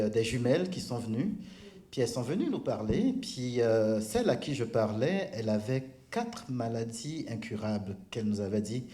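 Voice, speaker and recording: A man with a Québécois French accent shares a testimony in church at a medium pitch. He tells it casually and with energy, laughing as he goes and tripping over his words. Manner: animated storyteller, laughs often, stumbles and restarts. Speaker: church member giving testimony.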